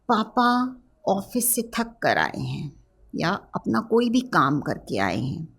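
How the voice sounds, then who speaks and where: A woman teaching a primary-school class, speaking gently and asking the children questions. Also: medium pitch, slightly rough. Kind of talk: children's lesson narration.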